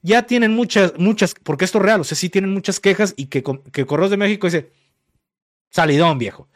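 A man with a Mexican accent voicing a brusque middle-aged woman clerk who shouts and scolds. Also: high-pitched, a little fast, no echo, studio quality, natural voice. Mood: shrill scolding.

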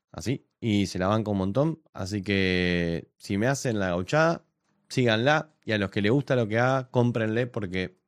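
Sarcastic Argentine man, lively voice. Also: lowish voice. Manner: sarcastic, mocking, laughs often. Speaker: commentator. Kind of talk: sarcastic reaction commentary.

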